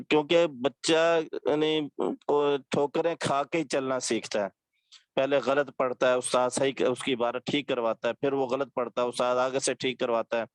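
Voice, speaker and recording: Teacher guy lecturing students, mid pitch, says stuff twice, dry close sound. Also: no room sound. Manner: repetitive, earnest, exhorting. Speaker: religious teacher. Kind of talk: advice talk to students.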